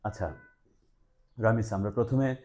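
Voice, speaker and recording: A man with a Bangladeshi Bengali accent hosts a promotional interview for a language institute as its TOEFL instructor. His voice sits fairly low, with a dark, mellow tone. He moves easily between Bengali and English and fills gaps with "ah". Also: unhurried. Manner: talks in a relaxed mix of Bengali and English, with frequent "ah" fillers.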